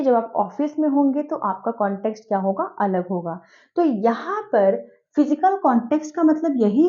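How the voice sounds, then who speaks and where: Woman teacher, online lecture, mellow tone, rhetorical questions, lo-fi sound. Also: fairly high pitch. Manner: explains step by step with rhetorical questions. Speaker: exam prep teacher.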